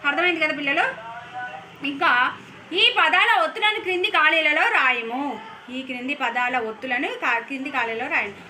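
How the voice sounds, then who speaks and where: Woman teacher, clear word-by-word delivery for kids, high pitch, faint hiss. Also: bright, forceful tone. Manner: slow, clear word-by-word reading. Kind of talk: children's lesson.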